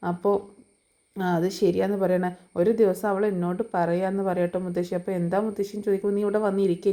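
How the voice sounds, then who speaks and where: Mellow, even-toned woman retelling a serial. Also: mid-range voice. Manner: chatty, conversational, frequent fillers and tag particles. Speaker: TV serial recap narrator. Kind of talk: casual spoken retelling of an episode.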